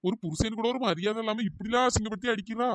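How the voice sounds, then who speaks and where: A woman's voice: a little high, quick pace, no echo, natural voice. A woman voicing a tall, bickering cartoon husband who blusters and complains after being beaten. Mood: aggrieved. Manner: blustering, threatening, self-pitying.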